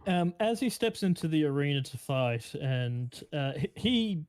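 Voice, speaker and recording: A man's voice: fairly high pitch, big pitch swings, measured pace, a little mellow, no echo. A man narrating a tabletop role-playing game as game master.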